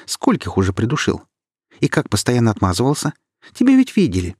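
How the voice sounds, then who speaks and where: A man voicing a cold, mocking young woman in a husky voice, speaking with scorn. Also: medium pitch, sing-song, normal speed, darkish tone, dry recording, clean studio sound, voice pushed up. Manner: scornful, biting.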